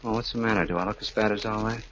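A bitter, cruel escaped killer taunts in a low, sneering voice, played by a man in a 1940s radio drama. He sometimes drops to a hush. The old broadcast recording sounds dull and muffled. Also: steady tone, very fast, a little hiss or hum, natural voice.

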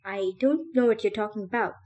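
A woman's voice: mid-range voice, a little fast, lightly acted. A woman reading aloud, voicing a scared, confused teenage boy who calls out urgently. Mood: frightened. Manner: urgent, shouting.

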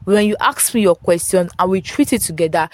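A woman teaching grammar in a phone voice note, often repeating points and asking whether listeners understand. Her pitch jumps up when she stresses a contrast. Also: brisk, darkish tone, no room sound.

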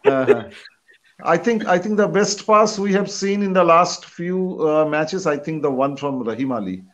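A man with an Indian accent in a casual panel discussion, speaking haltingly and posing questions. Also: on the high side, animated, a bit bright.

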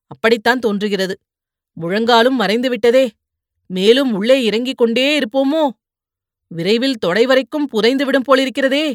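A woman reading a novel aloud as an audiobook narrator, steady and expressive. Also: a little high, no room sound, clean studio sound. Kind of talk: scripted storybook narration.

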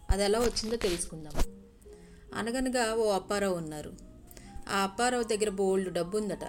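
A woman's voice: mid-range voice, a little mellow. A woman storyteller in a polite, chatty narration that speaks directly to her listeners.

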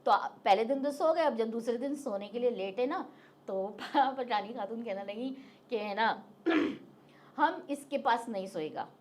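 A fairly high-pitched middle-aged woman with a darkish tone speaks at a measured pace while recounting a personal experience as an interview guest. She tells the story casually and vividly, dramatizing the quotes.

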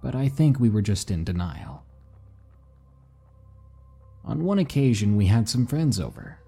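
A man narrating spooky stories in a slow, hushed, dramatic way. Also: medium pitch, sing-song, gravelly, slightly rough, faint music behind. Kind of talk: scripted story narration.

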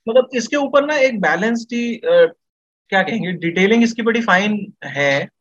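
A man's voice: high voice, animated, normal speed, a bit bright, dull audio. A man talking as a podcast guest in a casual discussion, explaining at length with many fillers. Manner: explains at length, Hinglish mixing, frequent fillers.

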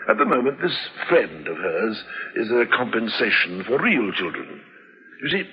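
An actor playing a calm, kindly old family doctor who explains things in a reassuring, unhurried way, in a 1960s radio drama. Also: male voice, mid-range voice, slight background noise, natural voice. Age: older. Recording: dull lo-fi 1960s radio recording.

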